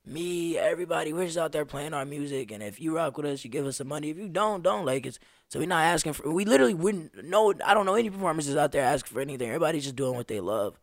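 A man in his twenties, a guest on a podcast, telling stories in an animated, slangy way. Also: fairly high pitch, fast, dry recording, clean studio sound. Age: 20s. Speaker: podcast guest, street performer. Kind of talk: casual conversation.

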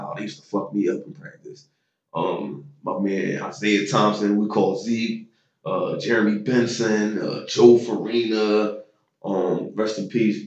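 A man in his thirties telling stories about his high school football days in a loose, slangy way with lots of fillers. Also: roomy sound, lo-fi sound. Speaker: interview guest, former football player. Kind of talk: casual storytelling interview.

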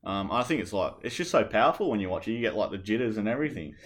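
Casual man, low voice. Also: lively intonation, rapid-fire. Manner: rambling, filler-heavy, opinionated. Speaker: podcast co-host. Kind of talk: casual chat.

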